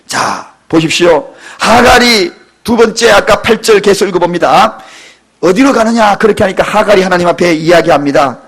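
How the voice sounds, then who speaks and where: A high-pitched, husky-voiced pastor in his fifties delivers an emotional church sermon. He swings between quiet asides and dramatic, near-tearful cries. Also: moderate pace. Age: 50s. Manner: emotional, dramatic preaching with sudden loud cries. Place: church sanctuary.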